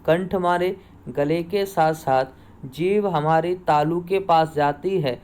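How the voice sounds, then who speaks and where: A man's voice: fairly high pitch, slow, a little mellow, clear, resonant tone. A man teaching a Hindi grammar lesson for exam preparation, asking each question and then answering and repeating it himself. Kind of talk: online exam-prep lesson.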